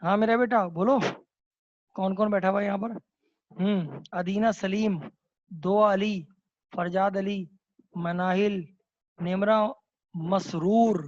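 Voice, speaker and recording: A man's voice: sits high, a little mellow, no echo, highs cut off. A man teaching an online class, explaining a text patiently, slipping in English words and often checking with his students. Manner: mixes English words into speech.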